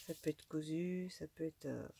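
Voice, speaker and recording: A woman's voice: sits low, moderate pace, vocal fry, mellow, slightly rough. A middle-aged woman casually talking through an unboxing of craft supplies, hesitant with many fillers and restarts. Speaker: craft vlogger.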